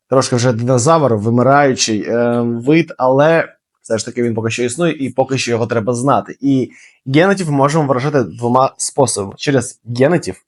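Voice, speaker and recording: Lively man explaining German grammar. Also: medium pitch. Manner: lively, quick explanations with fillers and emphatic repeats. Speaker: German language teacher. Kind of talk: casual video lesson.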